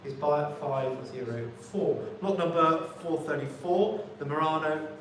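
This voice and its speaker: A man's voice: fairly high pitch, a little slow. Echoey male auctioneer calling bids in repetitive chant. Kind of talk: live auctioneering patter, repeating bids. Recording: very echoey room, distant mic, faint noise.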